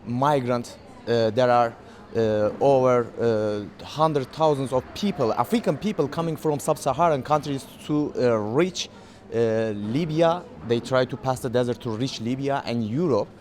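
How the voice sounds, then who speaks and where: A man with a Turkish accent speaks English as a second language in an outdoor festival interview. His voice sits at a middling pitch, and he talks haltingly, with frequent "uh"s and restarts as he looks for words. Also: darkish tone, slight background noise. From Turkey. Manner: hesitant non-native English, many fillers and restarts. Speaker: documentary filmmaker.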